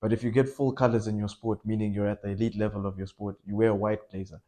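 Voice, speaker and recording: A young man from Malawi, a football coach, talking casually in a podcast interview, animated and quick to laugh. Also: lowish voice. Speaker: football coach and academy owner.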